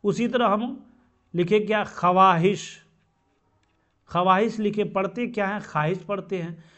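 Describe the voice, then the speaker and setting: A man's voice: high-pitched, normal speed, fairly bright tone. A man teaching a grammar lesson, who asks questions and answers them himself and repeats each term. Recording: dull lo-fi sound.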